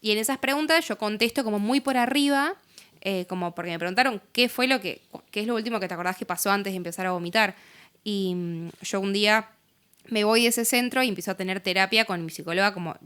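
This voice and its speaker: She has a mid-range voice, a quick pace, and a clean tone: a young adult woman with an Argentine Spanish accent appearing as a podcast guest. Her candid account of her own life is casual, animated, and packed with fillers.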